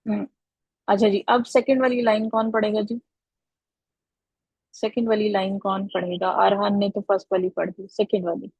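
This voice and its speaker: A woman's voice: medium pitch, little pitch movement, normal speed, pauses often, darkish tone, slightly rough, dry recording, low-quality recording. A woman teaching an Arabic grammar lesson online over a video call, patiently calling on students by name.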